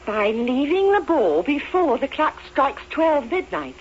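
A woman's voice: high-pitched, big pitch swings, measured pace. An actress playing a kindly, absent-minded fairy godmother in a children's fairy-tale drama, speaking with the grand flourish of a stage magician. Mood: fussing, kindly. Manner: theatrical magician, grandly incanting and exclaiming. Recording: dull lo-fi recording with faint noise.

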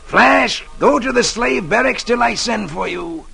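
A man's voice: extremely high pitch, measured pace, gravelly, loud music behind the voice, pitched above the performer's own voice, heavily acted. A man voicing a gloating male tyrant who commands his slave.

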